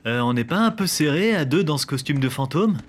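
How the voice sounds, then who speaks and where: A man's voice: fairly high pitch, animated, brisk, lightly acted. A man playing a naive, childish cartoon sidekick with a hesitant, innocent way of talking. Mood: puzzled.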